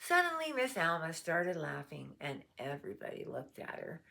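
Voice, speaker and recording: A woman's voice: deep voice, creaky. A woman reading a children's picture book aloud, with chatty asides to her dog. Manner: slow, animated, chatty asides. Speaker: storybook reader.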